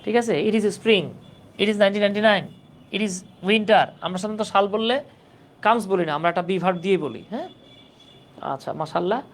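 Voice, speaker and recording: With a medium-pitched voice, a moderate pace and long pauses, a teacher delivers a live online grammar class aimed at job exams. The manner is patient and repetitive, with frequent checks on whether students understand.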